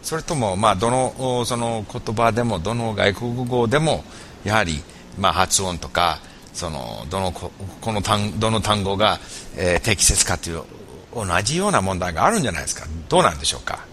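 A man who is not a native speaker hosts a chat, asking halting questions and often rephrasing them. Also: on the low side, animated, a bit bright, slight background noise. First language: not Japanese. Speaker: host. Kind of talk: conversational interview.

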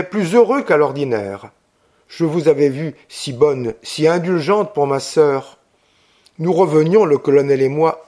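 A man's voice: a little high, darkish tone. A man reading an audiobook, voicing a proud, gloomy young Corsican officer who speaks earnestly. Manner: earnest and brooding.

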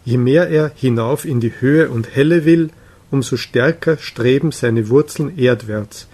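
A man reading the lines of a wise, solitary male prophet, speaking in a measured, solemn way. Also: mid-range voice, darkish tone, husky. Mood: grave.

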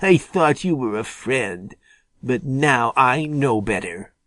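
An angry male skunk snaps out accusations, as a man puts him on. He swings his pitch widely and sounds close and dry. It is a storybook voice with a stubborn, grudging temper. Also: animated, takes it slowly, fairly bright tone, no echo. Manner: snapping, accusing.

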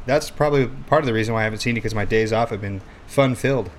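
A man's voice: fairly low pitch, racing, slight background noise. A man, co-hosting a casual podcast chat, laid-back and laughing often, peppering talk with "dude". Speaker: podcast co-host.

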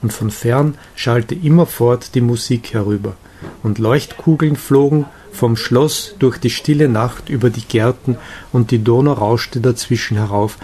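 A man narrating a romantic novella in an audiobook, in a calm, even storytelling manner. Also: medium pitch, unhurried.

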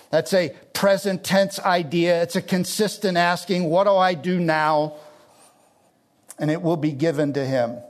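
Man preaching an expository sermon. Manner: expository preaching, explains Greek words; rises in pitch and intensity when urging. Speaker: pastor.

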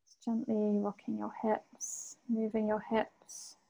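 A woman guides a meditation as if narrating a sleep story. Her voice is dark and relaxed, with very little rise or fall. She speaks gently and leaves long, unhurried pauses between phrases. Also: medium pitch, creaky, low-quality recording.

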